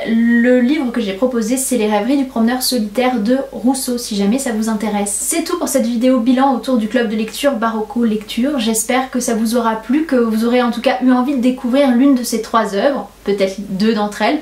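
A young woman with a fairly high voice talks with amused enthusiasm about a book for her reading club. She switches easily between casual chat and reading aloud. The sound is roomy and echoey. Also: darkish tone. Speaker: podcast host, book club organizer. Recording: roomy echo.

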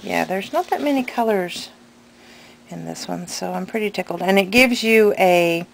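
Here a woman of medium pitch speaks at an ordinary speed while showing off crafts in an off-the-cuff chat from her table at home. She sells patterns and vlogs, sounding enthusiastic but meandering and unsure, her words a bit blurred by a tongue piercing. The home recording is noticeably noisy.

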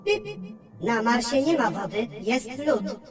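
A woman's voice: fairly high pitch, lively intonation, slow, faint music behind. A woman voicing Robi, a know-it-all onboard computer in a children's cartoon, who lectures in facts and starts with a beep. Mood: lecturing. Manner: lecturing, factual, beeps before speaking. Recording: roomy, distant and echoey.

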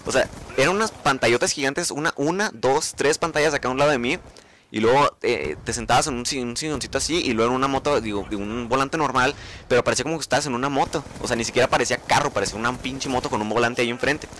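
Fast-talking young Mexican man telling a story. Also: medium pitch, slight background noise. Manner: animated, swears freely, acts out his own reactions. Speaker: vlogger. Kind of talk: casual storytelling monologue.

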